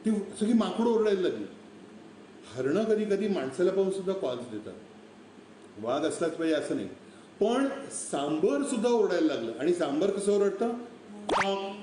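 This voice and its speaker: Guy from maharashtra doing a lively wildlife storytelling talk, mimics animal calls, kinda far from the mic, roomy echo. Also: on the high side. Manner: vivid storyteller who imitates animal calls. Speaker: wildlife speaker. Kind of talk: storytelling talk on a live stream. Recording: echoey room, distant mic, faint noise.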